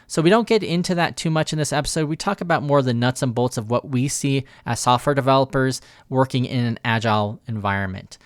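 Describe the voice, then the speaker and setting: A man's voice: mid-range voice, no echo. Man introducing a podcast, dry sound. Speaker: podcast co-host, software developer.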